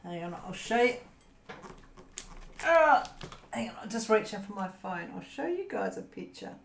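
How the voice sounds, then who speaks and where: A woman's voice: medium pitch, sing-song, moderate pace, gravelly, slight background noise. An Australian woman hosting a casual livestream chat with her viewers, rambling and giggling with lots of fillers. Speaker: crafting channel host. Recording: roomy echo.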